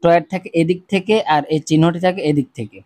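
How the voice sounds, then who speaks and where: A man with a slightly raised pitch leads a step-by-step recitation lesson. He repeats each rule and syllable slowly so listeners can echo him. The recording is dry and close. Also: fairly even intonation, a little mellow. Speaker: Quran reading teacher.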